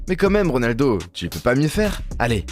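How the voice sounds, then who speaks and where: Guy doing jokey scripted voiceover, very animated, mock outraged, faint music behind him. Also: on the high side, brisk. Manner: teasing, mock-indignant, addresses viewers directly. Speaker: video host and narrator. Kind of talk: humorous scripted voice-over commentary.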